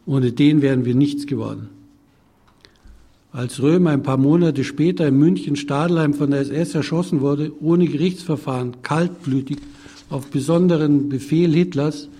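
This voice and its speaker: Older male author at a public reading; dark, husky voice, slightly high, dry irony. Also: moderate pace. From Germany. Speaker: author reading his own book.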